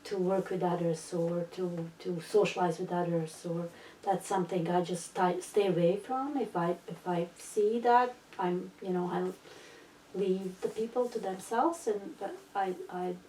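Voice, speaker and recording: A middle-aged woman from Bosnia tells her story in English, with frequent fillers and false starts. Her voice is low-set, mellow and fairly flat. She sits back from the mic in a roomy space with a faint hum of ambience. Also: far from the mic. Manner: hesitant, many fillers and restarts. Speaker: interviewee. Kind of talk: recorded personal story.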